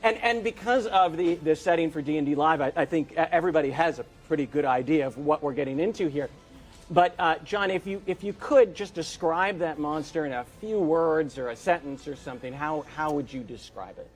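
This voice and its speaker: High-voiced male game show host. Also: fairly quick. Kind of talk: live show presenting, conversational.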